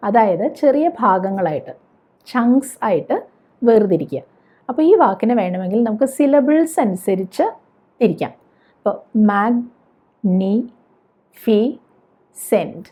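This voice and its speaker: A woman's voice: medium pitch, breathy edge. A woman teaching spoken English, explaining patiently, spelling words out letter by letter and asking the viewer questions. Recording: dull lo-fi recording.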